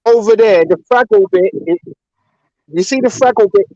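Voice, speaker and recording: A man with a high voice talks blunt street slang over a breaking call, each phrase chopping off as the line drops out. The audio is dull and lo-fi, with his voice set back from the mic. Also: normal speed. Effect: choppy call audio with words cut off. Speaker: caller on a live stream. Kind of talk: casual chat. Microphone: phone or video call.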